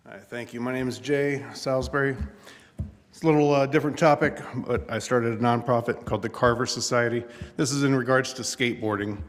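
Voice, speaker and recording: A man making a measured, earnest public comment at a council podium, with occasional hesitations. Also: medium pitch, steady tone. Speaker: public commenter, nonprofit founder. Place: city council chamber. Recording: echoey hall with long reverb.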